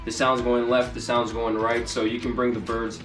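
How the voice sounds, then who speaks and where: A man's voice: medium pitch, completely flat delivery, moderate pace, fairly bright tone. A man giving an informal hands-on tutorial as a hunting instructor, explaining loosely and casually. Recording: distant mic, echoey, music behind.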